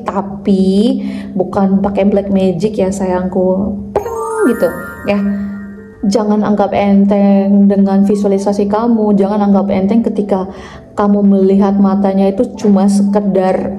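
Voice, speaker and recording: A woman's voice: on the high side, warm tone, reverberant, rough recording. A woman coaching viewers in an intimate, coaxing way, often calling them darling. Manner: intimate, coaxing, calls the listener "sayangku" often. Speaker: spiritual manifestation coach.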